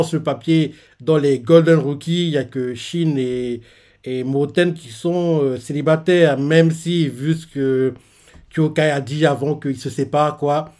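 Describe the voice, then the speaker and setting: A man chatting excitedly as he reacts live to a manga chapter. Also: fairly high pitch.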